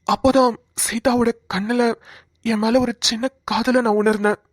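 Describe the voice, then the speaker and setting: A woman voicing a timid, lovesick young man in a cartoon, talking softly and hesitantly. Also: on the high side, steady tone, moderate pace, heavy background noise, lightly acted. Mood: wistful. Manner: soft, hesitant, pleading. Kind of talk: cartoon voice acting.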